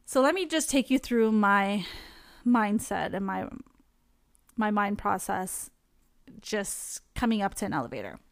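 A woman's voice: medium pitch, animated, measured pace, gravelly, long pauses, no echo. Candid, chatty woman with dry close sound. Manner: candid and chatty, laughs often. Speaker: vlogger sharing her experience with anxiety. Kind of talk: casual direct-to-camera talk.

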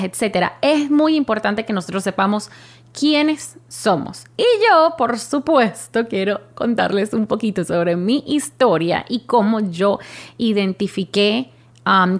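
A woman's voice: medium pitch, slow. A young woman, casually telling her own life story with many fillers and restarts. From Venezuela. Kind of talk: personal storytelling monologue.

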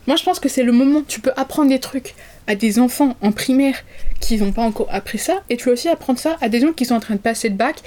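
A young woman with a slightly high voice co-hosts a casual podcast. She talks about films in a chatty, wry, rambling way. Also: fast talker, darkish tone. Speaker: podcast co-host. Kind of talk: casual chat reviewing films.

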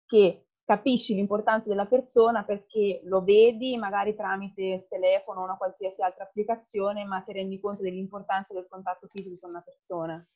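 A woman's voice: medium pitch, steady tone, brisk, few pauses, dark tone, lo-fi sound. A young woman giving her opinion as a guest in a casual podcast chat.

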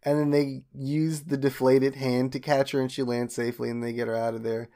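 Casual young male podcast co-host, mid-pitched, retells plot with jumpy high quote voices. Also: flat delivery, brisk, dark tone. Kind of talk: casual chat recapping a cartoon.

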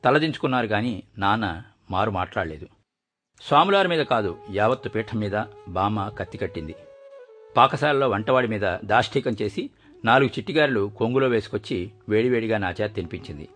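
A man reading a short story aloud as narrator, telling it in a measured, expressive way. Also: on the low side.

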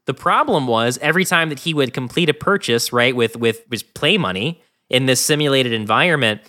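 A man co-hosting a podcast in casual chat, animated and laughing often as he explains a story. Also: mid-range voice, brisk. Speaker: podcast co-host.

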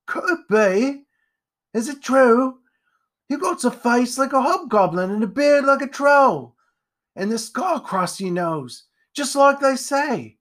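A man voicing a cheeky young male street newsboy with a quick, saucy manner. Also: very high-pitched, very animated, a bit bright, exaggerated voice.

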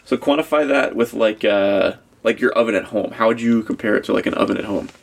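A man hosting, breaking in with quick, casual questions. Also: on the low side, fairly even intonation, vocal fry, a little hiss or hum. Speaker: podcast host.

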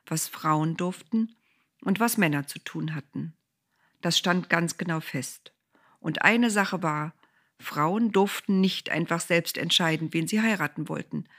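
A woman's voice: lowish voice, a bit bright. A woman narrating a Bible story for children, speaking directly to her young listeners.

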